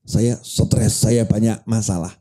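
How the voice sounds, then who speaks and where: A man's voice: fairly low pitch, steady tone, slow, warm tone, voice pushed down. A preacher acting out a stressed, indebted man. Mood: pleading. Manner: complaining, pleading.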